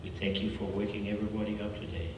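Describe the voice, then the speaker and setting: A man from South Sudan speaking as a guest at a university, earnest and halting, with frequent restarts. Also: on the low side, fairly even intonation, background noise. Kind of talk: campus talk with prayer and personal story. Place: large hall. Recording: echoey hall from far off.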